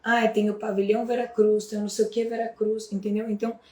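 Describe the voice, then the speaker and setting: A young Brazilian woman explains things to her students in a relaxed, chatty way, with a Brazilian Portuguese accent and plenty of little check-in questions. Her mid-pitched voice rings around a bare, echoey room. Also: fast. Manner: chatty, frequent tag questions and fillers. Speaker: Portuguese teacher. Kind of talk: casual explanatory lesson.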